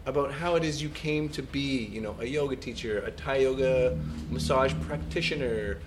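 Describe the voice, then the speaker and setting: A man hosts an interview and asks his guest friendly questions. He rambles a little and restarts his phrasing. His voice sits at a middle pitch. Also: moderate pace, noisy background. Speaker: podcast host.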